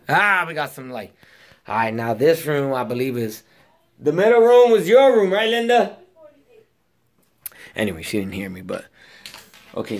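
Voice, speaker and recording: A young man giving a loose, slangy, swearing walking tour of a house, talking to a handheld phone camera. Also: medium pitch. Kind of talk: casual, profane walking tour. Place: inside a house, walking room to room.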